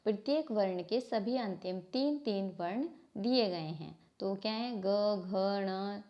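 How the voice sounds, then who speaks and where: A woman's voice: medium pitch, takes it slowly. A woman teaching Hindi grammar to a class, asking questions and answering them herself, often stopping to correct herself. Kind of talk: classroom lesson explaining from a book. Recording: slightly dull lo-fi sound.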